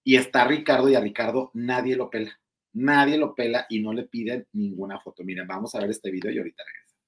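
A man's voice: steady tone, quick pace. Male host with a Mexican accent for celebrity gossip chat, talkative and mocking. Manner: chatty and gossipy, with lots of fillers; mimics others in a high, mocking voice. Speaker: entertainment show host. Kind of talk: casual gossip commentary.

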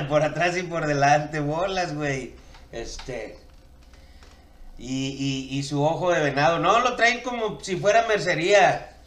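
A man's voice: a little high, a bit bright, reverberant. A man with a Mexican Spanish accent doing a rambling, crude, slang-heavy comedy monologue. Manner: crude, slangy, rambling with chuckles at own jokes.

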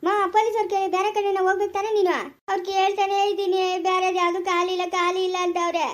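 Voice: extremely high pitch, completely flat delivery, quick pace. A performer in a homemade rural family drama, quarrelling, scolding and wailing in turn. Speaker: actor in family skit.

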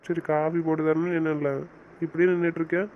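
A man's voice: fairly high pitch, flat delivery, fast talker, lo-fi sound, slight background noise, lightly acted. A man playing a teasing, bossy young husband in an audio romance series, scolding his wife in playful banter.

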